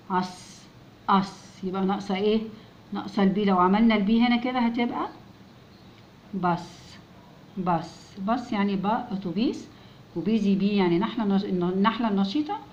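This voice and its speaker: Woman, Egyptian Arabic accent, teacher, children's lesson, patient, slow repetition, mid pitch, slightly muffled lo-fi sound. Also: a little hiss or hum. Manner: patient, repeats words slowly for children to echo. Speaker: English teacher.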